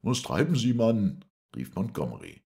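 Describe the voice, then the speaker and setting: A man reading an audiobook, voicing an agitated, breathless male assistant who shouts urgently. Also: very deep voice, very animated, brisk, gravelly, exaggerated voice. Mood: alarmed. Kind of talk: audiobook character voice.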